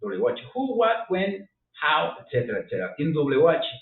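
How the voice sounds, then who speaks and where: Animated male teacher, far and tinny. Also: fairly high pitch, moderate pace. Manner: lively, repeats and checks with "ok?". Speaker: English teacher. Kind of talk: classroom grammar lesson. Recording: roomy, distant, phone-like sound.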